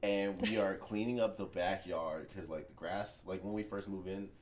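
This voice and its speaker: A man's voice: sits low, fairly even intonation, normal speed, a little hiss or hum. A man hosting a podcast, telling a story in a loose, profane way and laughing often. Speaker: podcast host.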